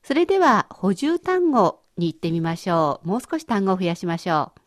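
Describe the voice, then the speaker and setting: A woman leading a radio language lesson who explains words clearly and patiently. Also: medium pitch, sing-song, normal speed, no echo, studio quality. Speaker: language teacher.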